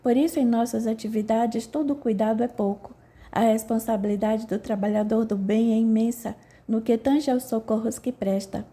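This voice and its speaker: Woman voicing composed male spirit helper, earnest, reassuring, audiobook, mellow dark timbre, raised pitch. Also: fairly even intonation, moderate pace, lightly acted. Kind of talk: audiobook narration.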